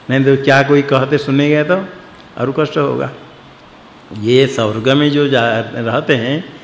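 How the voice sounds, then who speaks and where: Slow gravelly man teaching scripture. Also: medium pitch. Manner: explains word by word, asks the class questions, chuckles often. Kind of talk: scripture commentary lesson. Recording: echoey hall with faint background noise.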